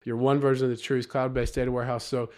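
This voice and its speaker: A man from Alabama with a soft Southern drawl, getting over a cold, explains things like a coach in an interview, emphatic and encouraging, repeating key phrases. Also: mid-range voice, level tone, quick pace. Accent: Southern Alabama, United States. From Alabama, United States. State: recovering from a cold. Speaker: data coach and interview guest.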